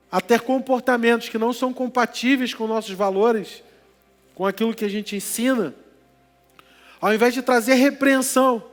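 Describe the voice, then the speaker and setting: A male preacher with a fairly high voice delivers an animated sermon, trading storytelling for jokes and questions to the crowd. His voice rings with a long church reverb, and soft music plays under it. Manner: animated storytelling with jokey asides and questions to the congregation.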